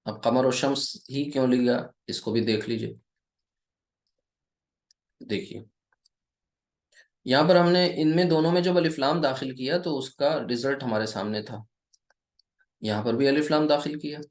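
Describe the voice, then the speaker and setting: Male teacher, slow deliberate delivery, patient questioning tone, echoey room. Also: mid-range voice. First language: Urdu or Hindi speaker teaching Arabic. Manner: patient, asks the viewer questions and answers them himself; deliberate, slow delivery with many repeated checks of "okay". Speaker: Arabic grammar teacher. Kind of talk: classroom-style lesson, explaining at a board.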